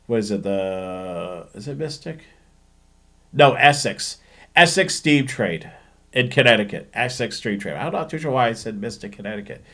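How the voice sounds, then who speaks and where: Hosting a live railfanning show, this man has a lowish, fairly bright voice, animated and at normal speed. In relaxed question-and-answer chat he explains things informally, thinking aloud along the way.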